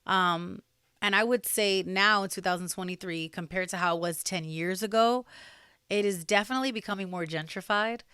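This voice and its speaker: A woman's voice: mid-range voice, normal speed, bright, forceful tone, smooth, no room sound, clean studio sound. A young woman from New Jersey, chatting as a podcast guest with lots of fillers and restarts. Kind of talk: casual interview conversation.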